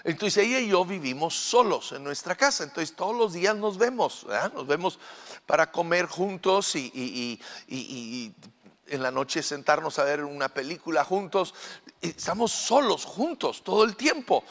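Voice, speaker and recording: A middle-aged man preaching a sermon as pastor, shifting from soft asides to loud proclaiming, with fillers and repeated words. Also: high-pitched, lively intonation, moderate pace, long reverb tail.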